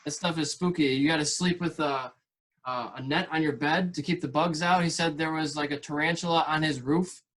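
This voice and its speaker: Male podcast host, fairly high voice, relaxed and chatty, loose rambling delivery. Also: fairly quick. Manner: easygoing, chatty, trails off mid-thought. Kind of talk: casual interview chat.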